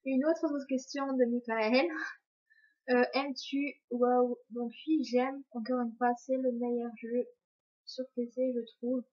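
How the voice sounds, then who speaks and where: A woman's voice: on the high side, level tone, takes it slowly, darkish tone, lo-fi sound. A young woman chatting casually to camera as a vlogger, rambling, tripping over her words and poking fun at herself. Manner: rambling and self-mocking, trips over words. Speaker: vlogger answering viewer questions.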